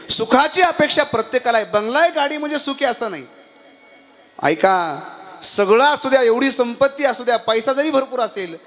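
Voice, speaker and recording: A man with a Marathi accent preaching a devotional kirtan sermon, telling stories, talking straight to the crowd and breaking into chants. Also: high voice. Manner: animated storytelling, addressing the crowd directly; chants and sings between points.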